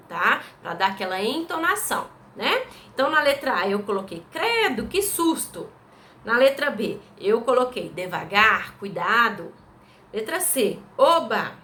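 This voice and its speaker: In this recorded remote class, a woman teacher with a Brazilian Portuguese accent reviews exercise answers one step at a time and keeps checking on her pupils. Her pitch is fairly high and her tone fairly bright, over slight background noise.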